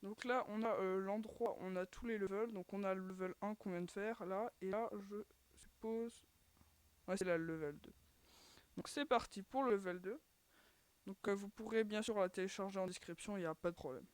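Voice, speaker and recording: Female gaming host with a dry, close sound and middling pitch, talking casually and hesitantly while she plays. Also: moderate pace, no echo. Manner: chatty, filler-heavy, keeps sighing "too bad" at failed attempts. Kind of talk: casual gameplay commentary.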